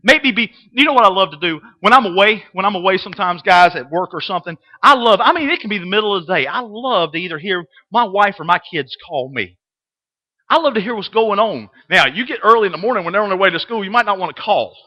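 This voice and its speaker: High, bright-voiced man preaching fervently. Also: lively intonation, quick pace, low-quality recording. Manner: impassioned, repeats himself, swings from hushed to loud. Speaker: Sunday school teacher. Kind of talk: sermon. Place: church classroom. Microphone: webcam.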